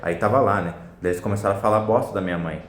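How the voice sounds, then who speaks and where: Fast-talking blunt young man, echoey room. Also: lowish voice, slight background noise. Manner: blunt, slangy, swears a lot. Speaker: vlogger telling a personal story. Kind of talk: casual storytelling to camera. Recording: roomy echo.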